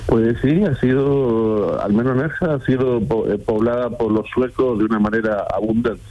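Argentine guy in his 60s calling the radio, friendly, rambles a bit, halting. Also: medium pitch, fairly even intonation, lo-fi sound, a little hiss or hum. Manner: friendly, talkative, halting restarts. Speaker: caller, builder. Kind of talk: phone-in conversation.

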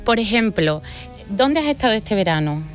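A woman's voice: mid-range voice, big pitch swings, moderate pace, soft background music. Woman, instructive speech therapist. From Andalusia, Spain. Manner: instructive, demonstrates sounds. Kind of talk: explanatory group conversation.

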